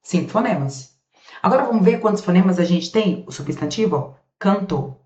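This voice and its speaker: A woman's voice: mid-range voice, expressive, dark tone. Chatty Brazilian woman teaching grammar, roomy. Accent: Brazilian Portuguese. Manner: chatty, calls students "gente" and "amores", asks questions for them and answers them; spells out sounds slowly while writing. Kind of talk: recorded classroom lesson. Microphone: camera set up in front of her. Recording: roomy, slightly dull sound.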